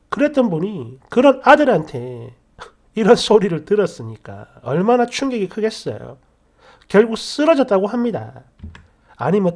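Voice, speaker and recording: A woman's voice: medium pitch, darkish tone. A woman telling her own story in a chatty, indignant, gossipy way. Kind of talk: first-person story narration.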